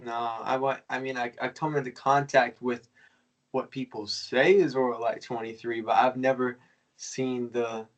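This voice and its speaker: A man's voice: medium pitch, level tone, moderate pace, low-quality recording. A man hosting a casual conversation, talking in a loose, slangy way and often searching for words.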